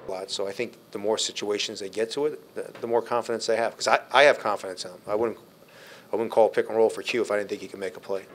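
A middle-aged man, a head coach, speaking at a press conference podium, halting and repeating words. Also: fairly low pitch, steady tone, slight background noise. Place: press room. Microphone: podium mic.

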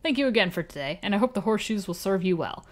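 A woman's voice: medium pitch, animated, fast, close to an everyday voice. Woman doing a friendly old blacksmith guy, vague put-on accent, formal, voice bouncing around a lot. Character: kindly older male village blacksmith. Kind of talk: reading game dialogue aloud.

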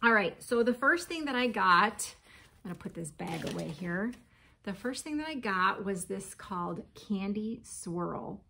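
Woman in her 40s, casual crochet vlogger, chatty and giggly, light vocal fry, home kitchen. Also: mid-range voice, lively intonation, measured pace, sharp tone, a little hiss or hum. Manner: chatty, laughs often, reads labels aloud. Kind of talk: casual yarn haul chat.

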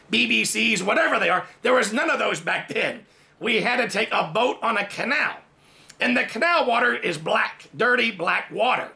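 Recorded indoors by a desk-distance camera, a Thai-raised man in his forties shares his personal testimony as a sermon in his book-lined home study. His gravelly, high-sitting voice carries lively storytelling, punctuated by sweeping hand gestures.

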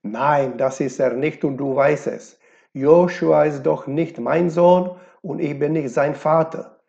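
A man voicing a drunk, bitter middle-aged husband who shouts and accuses in despair. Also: on the high side, slow, gravelly. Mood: shouting angrily. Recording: dull lo-fi recording.

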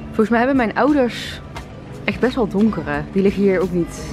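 Vlogger, female, young adult. Chatty, informal, mid-pitched, music present. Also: lively intonation, moderate pace. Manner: chatty, informal, addressing viewers. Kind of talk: casual vlog chat.

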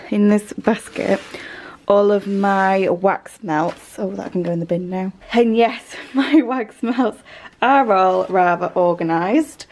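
A woman's voice: mid-range voice, a little hiss or hum. A young British woman in her twenties chatting casually in a home haul vlog, upbeat and rambling with fillers. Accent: British English. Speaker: vlogger. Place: home living room, indoors.

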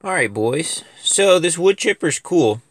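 Out in a wooded yard, a young lawn care business owner chats about equipment in a casual review vlog, rambling with lots of fillers and restarts. His voice is on the high side with lively intonation and a measured pace, against heavy background noise.

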